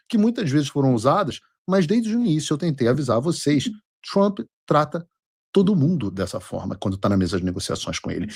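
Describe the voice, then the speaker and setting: A man's voice: on the high side, husky, dry recording, clean studio sound. A man with a Brazilian accent hosting opinionated political commentary, sarcastic and mocking. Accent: Brazilian Portuguese. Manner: sarcastic, mocking, translates clips aloud.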